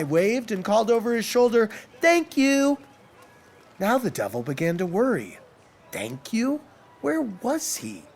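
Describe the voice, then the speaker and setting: A man narrating a story in an expressive, playful way. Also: high-pitched.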